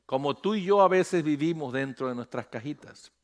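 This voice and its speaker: A man's voice: on the high side, animated, moderate pace. A middle-aged man, a pastor preaching a sermon, calling on the congregation to repeat after him and rising to emphatic peaks.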